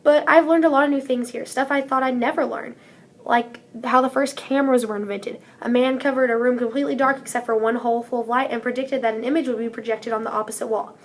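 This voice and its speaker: A woman's voice: fairly high pitch, steady tone, fast. Earnest teen girl reading her speech. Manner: earnest, upbeat, reading from a script. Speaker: student speaker. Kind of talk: prepared speech read aloud.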